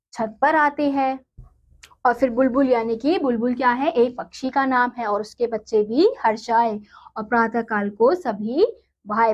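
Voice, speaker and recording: A woman teaches a primary school lesson, explaining each step patiently and reading verse lines slowly. Her voice sits fairly high. The recording sounds muffled and lo-fi.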